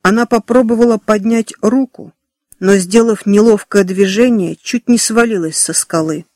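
A man narrating a children's novel in a steady, expressive storytelling manner. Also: sits high, moderate pace, no room sound, studio quality. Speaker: audiobook narrator. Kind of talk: scripted narration.

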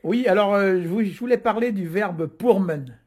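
A man's voice: high-pitched, moderate pace, darkish tone, husky. A man from Brittany explaining Breton words as a radio guest, in a hesitant, explanatory way with many fillers. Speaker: Breton language guest teacher.

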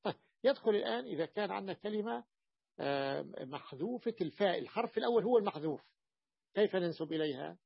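Male grammar teacher, slightly higher voice, repeats himself and quizzes the class, dull lo-fi recording. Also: lively intonation, fast, vocal fry, slightly rough, dry recording. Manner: repeats terms, fillers, questions to class. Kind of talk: explaining a grammar text to students.

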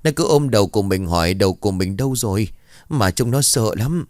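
A man's voice: on the low side, expressive, a little fast, a little mellow, dry recording, studio quality, natural voice. A man voicing an anxious older mother who whines and frets. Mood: fearful. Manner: anxious, whining. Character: frightened older mother, whimpering.

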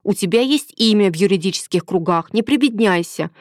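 A woman's voice: mid-range voice, expressive, fairly quick, no echo, clean studio sound, lightly acted. A woman reading aloud, voicing a pushy, scheming young woman of thirty who talks in an insistent, demanding way.

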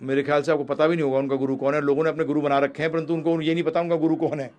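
A man giving a Gita discourse, rising to loud emphatic peaks and dropping to low, quick asides, asking the audience questions and answering them himself. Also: little pitch movement. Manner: addresses listeners as prabhu ji. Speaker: preacher.

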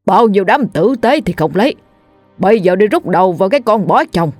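A stubborn old father who bangs the table and snaps bluntly at his son, played by a woman reading a storybook tale. Keep it low and close in a dry room. A faint music bed runs underneath. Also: brisk, a little mellow, dry recording, close to an everyday voice. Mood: angry. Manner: barking, blunt. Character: stern old village father, hot-tempered and stubborn.

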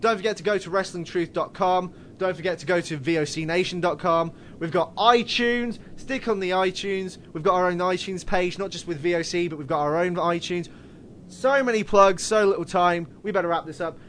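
A man's voice: high voice, fairly quick, fairly bright tone, a little hiss or hum. A man hosting a casual wrestling podcast, swearing casually and laughing at his own slips. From United Kingdom. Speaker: podcast host.

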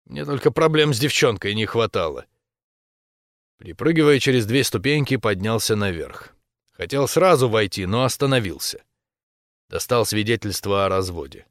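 A man narrating a first-person romance novel as an audiobook, in a steady, intimate storytelling voice. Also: fairly low pitch, normal speed, no room sound, studio quality.

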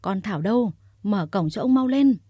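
A woman voicing a brutal, furious old man who shouts threats in a storybook reading. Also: medium pitch, animated, moderate pace, slightly rough, no echo, studio quality.

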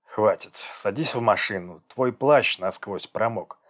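A man's voice: lowish voice, a little slow. A man reading a cold, dismissive young man. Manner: flat, dismissive, terse.

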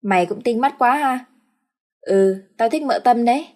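A woman voicing a calm, frank young master of a wealthy family who speaks tersely and dryly. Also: on the high side, moderate pace, voice pushed up, close to an everyday voice. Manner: laconic, dry.

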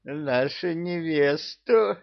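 A man's voice: on the high side, drawn-out words, vocal fry, muffled recording, voice pushed up, full character voice. A man voicing Koschei, a drunken, boastful immortal old villain with a coarse, blustering manner, in an audiobook. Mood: drunken glee.

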